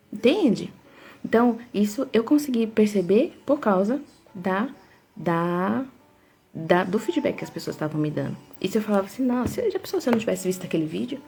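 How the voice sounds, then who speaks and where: A woman's voice: fairly low pitch, mellow. A woman hosting a casual devotional talk, chatty and full of storytelling asides. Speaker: devotional host.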